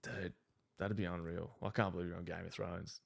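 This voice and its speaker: A man's voice: low voice, little pitch movement, fairly quick, gravelly. A man hosting a podcast, chatting in a laid-back, easygoing way with casual slang. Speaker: podcast host. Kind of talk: casual chat.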